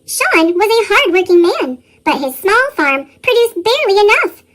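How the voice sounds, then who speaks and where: A storybook narrator whose voice is run through a sped-up chipmunk effect, reading a tale aloud with lively chuckles in the dialogue. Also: moderate pace, a little hiss or hum. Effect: sped-up, pitched-up chipmunk voice.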